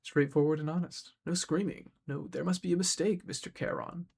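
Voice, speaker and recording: Audiobook villain: a man acting a silky, cold, condescending ferryman of the underworld, creaky voice. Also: fairly high pitch, steady tone, darkish tone. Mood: dryly amused. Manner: smooth, condescending, drawn-out. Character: suave, menacing male underworld ferryman, coldly condescending.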